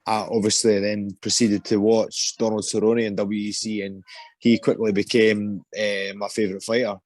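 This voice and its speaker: Scottish man, low voice, dry sound. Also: flat delivery, normal speed, darkish tone, no room sound. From Scotland. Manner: hesitant, many ums and restarts. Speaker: interview guest, MMA fighter. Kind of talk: casual interview answers.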